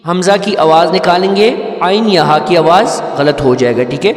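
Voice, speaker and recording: A man teaching Quran recitation rules, explaining each point patiently and then chanting verses slowly and melodically. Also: high voice, reverberant, in a large hall, faint music behind. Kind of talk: tajweed lesson with chanted recitation.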